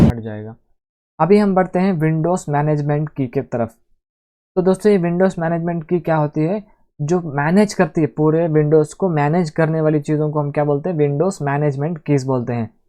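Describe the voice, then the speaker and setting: A man's voice: on the high side, warm tone. A man hosting a casual screen-recorded computer tutorial, chatting to viewers as friends and talking through each step aloud. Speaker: tech tutorial host.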